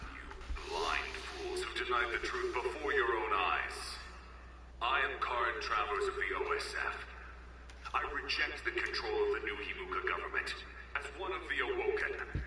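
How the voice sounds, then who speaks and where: An actor playing a defiant young male rebel leader who makes a stern, declamatory public broadcast heard through loudspeakers like a megaphone. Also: mid-range voice, lively intonation, a little slow. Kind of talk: game cutscene voice acting. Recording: echoey, distant loudspeaker broadcast with noise.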